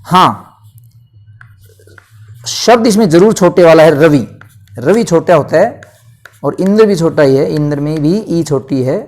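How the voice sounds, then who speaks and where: Guy teaching grammar, walks through it slow, keeps asking then answering himself. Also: fairly high pitch, expressive, a little mellow. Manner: explains slowly, asks and answers own questions. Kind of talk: classroom Hindi grammar lesson.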